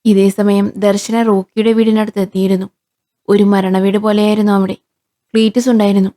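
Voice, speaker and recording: A woman from Kerala narrating a scripted crime story in a steady storytelling voice. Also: medium pitch, normal speed.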